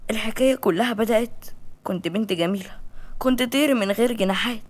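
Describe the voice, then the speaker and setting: A woman's voice: on the high side, quick pace, natural voice. A woman voicing a troubled young heroine in an Egyptian Arabic accent, with an emotional delivery. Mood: sorrowful.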